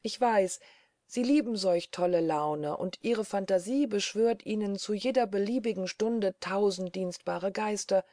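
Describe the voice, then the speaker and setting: A woman's voice: medium pitch, measured pace, mellow, no echo, clean studio sound, close to an everyday voice. A woman voicing a kind but fearful young woman in a storybook reading. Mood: anxious. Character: gentle anxious young woman.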